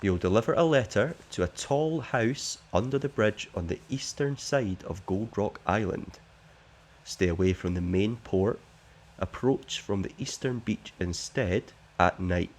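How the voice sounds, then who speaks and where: A man's voice: on the low side, a little mellow. Man reading out a shady smuggler boss. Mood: shady offer. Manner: plain, unhurried reading of game text. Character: shady smuggler gang boss giving a secret job.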